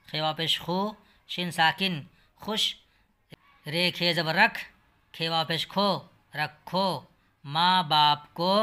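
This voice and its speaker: A man's voice: fairly high pitch, sharp tone, clear, resonant tone. A man teaching a reading lesson, with an Urdu accent, spelling out each word letter by letter and vowel sign before reading it whole. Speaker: language teacher.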